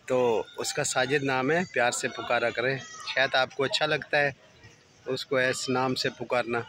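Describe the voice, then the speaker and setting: A man's voice: medium pitch, bright, forceful tone, slight background noise. A middle-aged man, vlogging in a casual, scolding tone that keeps pressing each point with "theek hai?". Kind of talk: casual vlog monologue.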